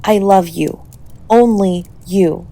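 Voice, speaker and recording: A woman performs an intimate audio roleplay as a young woman who shields her lover, her tongue sharp but her heart tender, her affection blunt and her speech halting under emotion. Her pitch is medium, and she sounds tender and worried.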